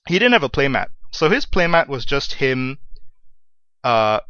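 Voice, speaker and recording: A man's voice: medium pitch, very animated, unhurried, fairly bright tone, clean tone, dry recording, muffled recording. A man chatting as a podcast guest, self-deprecating and laughing often. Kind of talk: casual chat.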